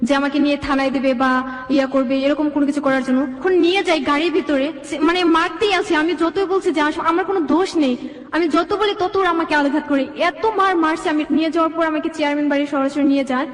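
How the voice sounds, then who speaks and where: Being interviewed as a guest, a young woman with a Bangladeshi accent tells her own life story in long, rambling sentences. Her voice is high, quick, and steady in tone, and heavy reverb fills the room around her.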